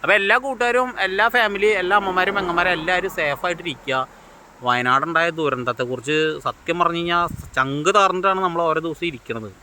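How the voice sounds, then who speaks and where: A man's voice: on the high side, quick pace, pushed and bright, slight background noise. A man giving a casual, rambling recap of a TV serial episode outdoors, with frequent restarts and passing vehicles behind. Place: outdoors beside a road.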